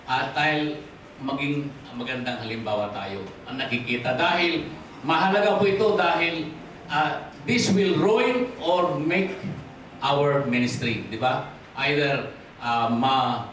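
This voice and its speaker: A man with a Filipino accent preaching a sermon as pastor, switching freely into English, rising to stress points and dropping low and quiet to close them. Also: slight background noise. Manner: mixes in English, asks the congregation for amens. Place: church hall. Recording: echoey hall from far off.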